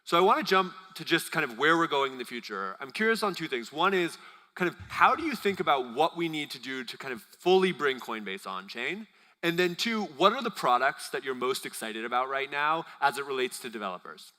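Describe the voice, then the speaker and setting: A man's voice: on the high side, expressive, brisk, sharp tone. A man interviewing a guest onstage at a conference, asking his questions in a friendly, curious way. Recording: reverberant hall sound.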